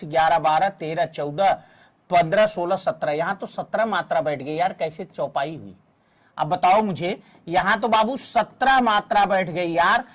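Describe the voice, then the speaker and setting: A man teaching a Hindi exam-prep class, explaining verse meter slowly and counting syllables aloud for his students. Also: high voice, a bit bright.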